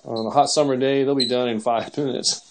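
Holding a camera with a built-in mic, a channel host talks through a demo in his own kitchen, explaining every step in a relaxed way with occasional light laughter. He speaks briskly at a medium pitch with fairly even intonation. The recording is low quality, with a little hiss or hum.

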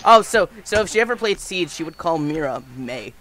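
A man's voice: on the high side, expressive, normal speed, sharp tone, a little hiss or hum. A man chatting and joking while gaming with friends, mocking himself and swearing. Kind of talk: casual gaming chat.

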